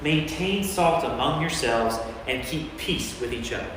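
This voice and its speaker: A man's voice: medium pitch, lively intonation, a little slow, fairly bright tone. A man playing a stern, commanding teacher, Jesus, with emphatic delivery in an amateur staged Bible reading. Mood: firm, warning. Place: large church interior. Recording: echoey church hall from far off, faint noise.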